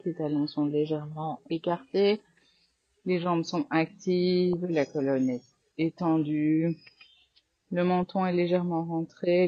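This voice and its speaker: Calm slow-spoken French yoga teacher woman. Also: deep voice, no echo, muffled recording. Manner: calm, slow spoken cues with breath counts. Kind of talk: guided yoga class instruction.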